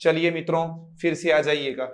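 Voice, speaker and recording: A man's voice: a little high, fairly even intonation, moderate pace. Hindi-accented man teaching English rules. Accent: Hindi-influenced English. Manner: explains step by step, asks the class questions and stretches out key words. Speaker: coaching-class English teacher. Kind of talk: classroom lecture.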